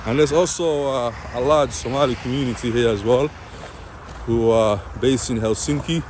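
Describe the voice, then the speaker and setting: Recorded outside on a busy winter street, this casual travel vlog features a man walking, addressing the camera and interviewing people in a friendly fashion. He has a slightly mellow voice of medium pitch and speaks at a moderate pace.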